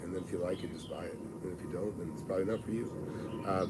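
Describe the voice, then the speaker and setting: A fast-talking man in his sixties, low-pitched and plainspoken, hosts a live-streamed advice talk where he pitches real estate mentorship. He comes across as blunt, folksy and salesy, often starting over mid-sentence, against audible background noise.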